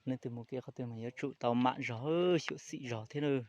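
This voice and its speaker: A man's voice: medium pitch, fairly even intonation, fast. A man talking casually and loosely, rambling from one point to the next. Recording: muffled recording with crowd noise. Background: crowd chatter.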